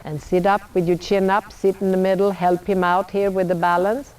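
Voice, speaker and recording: A woman coaching a riding lesson, calling out brisk, projected commands in short, blunt, repeated directions. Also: mid-range voice, little pitch movement, darkish tone. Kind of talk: live horse-riding lesson, calling out instructions. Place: outdoor riding arena. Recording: noisy outdoor ambience.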